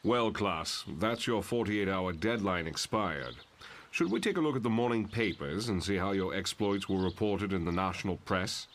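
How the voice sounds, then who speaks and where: A man voicing a stern, lofty professor who lectures his mutant pupils in formal, measured speech in a motion comic. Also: low voice, lively intonation, a bit bright, slight background noise. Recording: music behind the voice.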